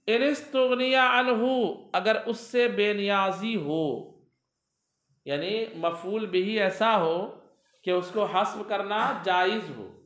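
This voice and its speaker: In a classroom grammar lesson, a man slowly reads Arabic text aloud and questions his students, often supplying the answers himself. His voice sits high and a bit bright, with reverberation in the recording.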